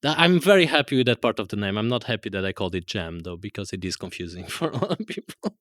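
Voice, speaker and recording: A guest musician from Portugal chats casually on stage before an audience in a live event room, his Portuguese accent coming through in a fairly low, sing-song, fast voice with a fairly bright tone. He rambles, corrects himself as he goes, and laughs often, all captured in a dry, clean studio-quality recording.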